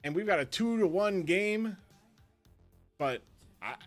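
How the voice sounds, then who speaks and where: A man hosting a live stream, commentating matches in a rambling, excitable way and laughing often. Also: sits high, slow pace, soft background music. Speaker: league commissioner and host.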